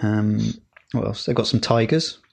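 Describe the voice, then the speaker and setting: A man's voice: lowish voice, moderate pace, creaky. A man co-hosting a podcast, chatting casually with frequent fillers and restarts. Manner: rambling, hesitant, many fillers. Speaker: podcast co-host. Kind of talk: casual chat.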